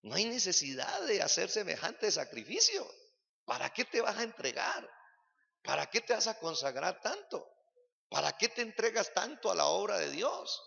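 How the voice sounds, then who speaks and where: A man preaching to his congregation, throwing out one rhetorical question after another. His voice sits high, bright and edged with gravel. The recording carries a long reverb from the church hall and sounds muffled and lo-fi. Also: huge pitch swings, moderate pace. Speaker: pastor. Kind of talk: sermon. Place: church sanctuary.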